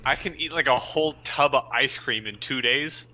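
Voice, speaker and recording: A man's voice: mid-range voice, moderate pace, sharp tone, soft background music. A young man in casual group chat on a podcast, joking and swearing freely. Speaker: podcast host. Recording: noisy live stream audio.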